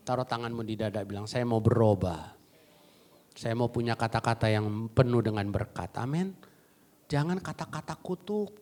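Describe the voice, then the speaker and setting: A male pastor preaching a lively sermon, swinging between loud exclamations and quiet asides and acting out quotes. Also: medium pitch. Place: church service.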